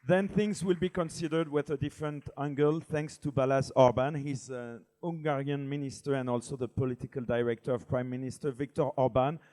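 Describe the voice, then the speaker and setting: Mellow French-accented moderator, formal. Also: male voice, mid-range voice, poor audio. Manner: formal introductions, non-native phrasing.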